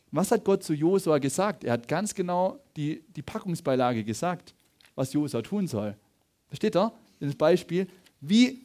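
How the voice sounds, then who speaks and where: A man's voice: fairly high pitch, darkish tone. A man preaching a sermon in a church, asking the congregation questions and having them repeat after him. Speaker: pastor.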